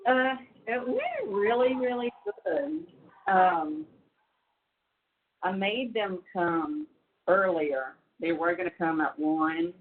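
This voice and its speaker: A woman with a mid-range voice rambles casually on a prison payphone call, using lots of fillers. She speaks slowly with lively intonation, and the line sounds tinny.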